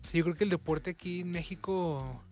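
A man with a Mexican accent interviewing in a relaxed, halting way with many fillers. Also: on the high side, faint music behind. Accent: Mexican Spanish. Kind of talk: casual conversation.

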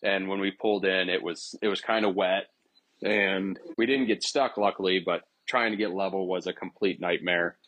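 Low husky-voiced man telling road stories. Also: moderate pace, no echo, rough recording. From Ohio. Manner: relaxed, rambling with restarts and chuckles. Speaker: podcast guest. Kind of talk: casual storytelling.

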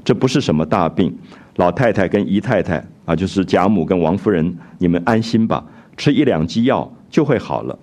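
A man reading as a gentle, soothing older aunt. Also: low-pitched, expressive, brisk. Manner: read out plainly in retelling.

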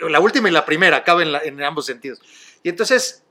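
This podcast host is a middle-aged man with a Mexican accent whose voice is on the high side, animated, brisk, bright and forceful. In casual conversation he tells chatty stories and laughs easily.

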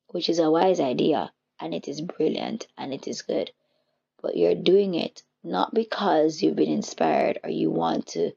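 A woman's voice: low voice, gravelly, mellow, breathy edge. A woman giving a casual spiritual teaching, reflective and searching for her words as she goes. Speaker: faith teacher. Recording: dull lo-fi recording.

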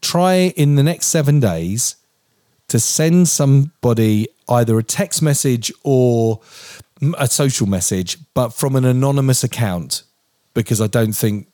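A man's voice: medium pitch, expressive, unhurried, dark tone, no room sound, studio quality. Rambling, swearing southern English man. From England. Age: 40s. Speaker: podcast co-host. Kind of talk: casual chat.

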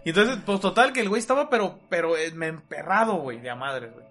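Young mexican dude spilling a story super fast, loads of slang and cussing, bright voice, music faint behind. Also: male voice, fairly high pitch. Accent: Mexican Spanish. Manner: slangy, animated, full of swearing and filler. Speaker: podcast host. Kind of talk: casual storytelling chat among friends.

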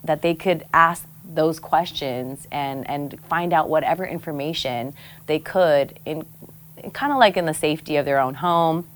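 A woman from Samoa with a notably low speaking voice tells personal stories as a podcast guest. She is candid and animated, laughs easily and drops casual swears without hesitation. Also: a little slow, a little hiss or hum. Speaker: guest, former show host. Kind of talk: candid conversational storytelling.

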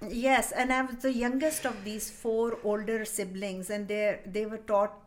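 A woman with a Pakistani accent, an artist chatting casually in a group and telling lively stories with frequent laughter. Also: mid-range voice, a little slow, crowd noise. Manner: lively storyteller, laughs often. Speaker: artist and guest.

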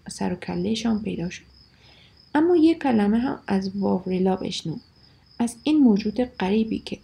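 A woman reads a storybook aloud in a dark, gravelly voice with a husky edge. She turns expressive, sinking to whispers and lifting her voice for the shouted lines. Crickets chirp faintly behind her. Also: medium pitch.

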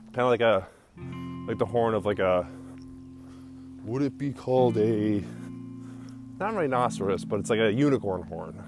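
Young guy rambling about his day, laughs a lot, walking outside, guitar music playing behind. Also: medium pitch. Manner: rambling, full of "like" fillers, laughs often. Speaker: solo podcast host. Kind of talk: casual storytelling monologue. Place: outdoors, walking on a street.

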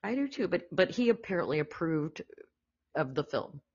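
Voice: mid-range voice, sing-song, moderate pace, slightly rough. A podcast co-host casually discussing a classic film, often quoting lines and laughing. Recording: dull lo-fi audio.

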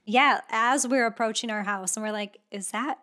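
Easygoing woman podcast co-host, slightly high. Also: normal speed, fairly bright tone, smooth. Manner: easygoing, laughs often, self-deprecating. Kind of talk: casual podcast conversation.

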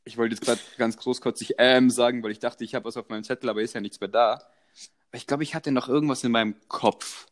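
A man's voice: mid-range voice, fairly even intonation, quick pace. A young man co-hosting a podcast in casual chat, telling stories animatedly and laughing often. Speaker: podcast co-host.

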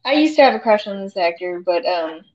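A woman co-hosting a podcast, chatting about a movie in a relaxed way and often chiming in to agree. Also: medium pitch, brisk, lo-fi sound. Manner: relaxed, agreeable, chimes in with short affirmations. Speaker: podcast co-host. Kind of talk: casual movie discussion.

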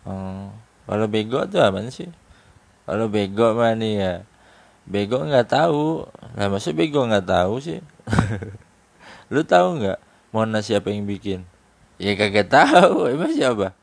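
A man's voice: on the low side, animated, a little slow, gravelly, long pauses, no room sound. A man in casual, teasing chat, laughing often as he jokes around. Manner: joking banter with frequent laughter; slangy and teasing.

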